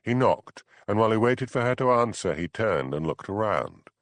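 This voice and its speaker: A man narrating an audiobook in an expressive, dramatic reading. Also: fairly low pitch, normal speed, no room sound. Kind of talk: scripted narration.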